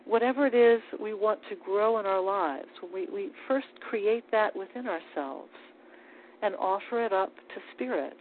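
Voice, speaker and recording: A woman giving a calm, measured spiritual talk on prayer, with small restarts as she speaks. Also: medium pitch. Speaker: spiritual teacher. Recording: tinny phone-like line with faint hiss.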